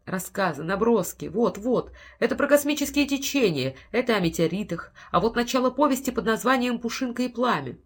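A woman's voice: mid-range voice, animated, brisk, a bit bright. A woman reading an audiobook, voicing a frail old man who pleads with breathless urgency. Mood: pleading. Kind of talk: audiobook character voice.

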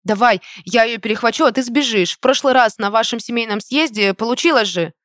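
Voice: medium pitch, fairly quick, fairly bright tone, dry recording, studio quality, voice pushed up, close to an everyday voice. A reader voicing a nervous, chatty young male friend in an audiobook. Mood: nervous joking. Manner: fretful, chatty.

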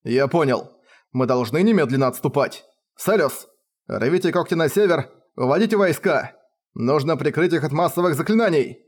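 A man's voice: on the high side, lively intonation. A man as a young commanding hero. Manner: brisk orders, clipped. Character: young male hero, commanding under pressure. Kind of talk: audiobook character voice.

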